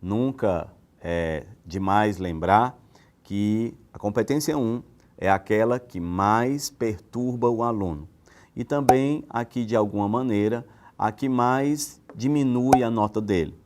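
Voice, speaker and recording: A man from Brazil giving a recorded grammar lesson, explaining with rhetorical questions and lively swings in pitch. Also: slow. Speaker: teacher.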